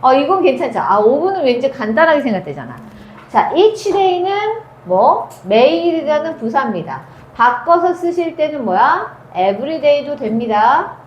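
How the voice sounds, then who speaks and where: A woman teaching English grammar to high school students, asking questions and answering them herself, and reading English phrases out slowly. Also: sing-song, lo-fi sound. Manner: asks and answers her own questions. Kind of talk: grammar lecture. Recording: echoey room with faint noise.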